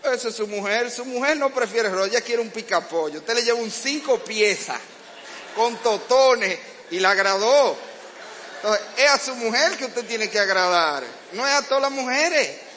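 Un predicador con acento dominicano que da un sermón sobre el matrimonio con humor e imita escenas de la vida en pareja. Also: male voice, very high-pitched, expressive, moderate pace, pushed and bright. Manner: humorous, acts out domestic scenes. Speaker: preacher. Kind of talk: sermon to couples. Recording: reverberant hall, faint background noise.

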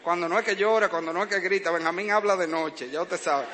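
A man preaching, his voice sitting high and sounding sharp and bright. He tells lively stories of fatherhood, acting out sounds as he goes. The sound carries a long hall reverb over a faint background hiss. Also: fairly quick. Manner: animated storytelling, acting out sounds and cries. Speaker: preacher, father of young children. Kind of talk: sermon with humorous family anecdotes.

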